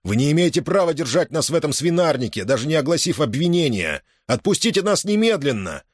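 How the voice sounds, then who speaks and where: A man's voice: fairly high pitch, big pitch swings, a little fast, breathy edge, dry recording, studio quality, pitched above the performer's own voice. A man voicing an indignant, defiant prisoner protesting his treatment in an audiobook. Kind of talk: audiobook character voice.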